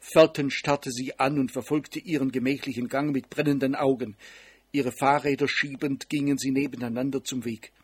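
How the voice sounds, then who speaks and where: Husky male audiobook narrator. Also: mid-range voice, normal speed, dry recording. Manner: steady, even storytelling.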